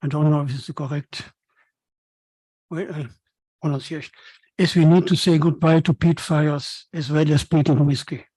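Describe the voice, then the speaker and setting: A man's voice: a little high, fairly even intonation, warm tone, husky, no echo, poor audio. German-accented man giving a formal speech, dry sound. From Cologne, Germany. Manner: halting, formal, reading from text. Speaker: event speaker, foundation co-founder. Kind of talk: prepared welcome speech.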